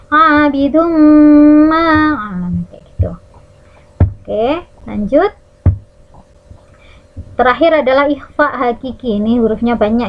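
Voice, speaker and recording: A woman with an Indonesian accent teaches recitation rules in a bright, fairly high voice, pausing to sing out Arabic words slowly as examples. Her teacherly tone keeps checking in with the class. The recording sounds a bit dull and lo-fi. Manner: lively teacherly, checks in with "ya" and "nah". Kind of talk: Quran recitation rules lesson for children.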